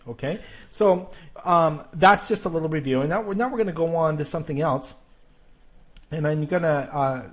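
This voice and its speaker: A man teaching an English grammar and pronunciation lesson. He explains patiently, step by step, checks in often with "okay?" and repeats example words slowly. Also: medium pitch.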